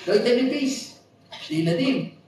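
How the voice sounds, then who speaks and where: A man, a rabbi, telling a story in a lively, joking sermon in a synagogue, recorded from far off with heavy echo. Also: extremely high pitch, background noise. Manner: animated, exclaiming, jokey. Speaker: rabbi giving a lecture. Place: synagogue hall. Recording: echoey hall from far off.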